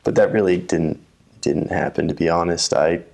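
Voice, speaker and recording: A man's voice: low voice, moderate pace, creaky, a little mellow. A young man from the USA talking casually as an interview guest, often restarting and repeating words. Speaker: guest, telemark ski racer.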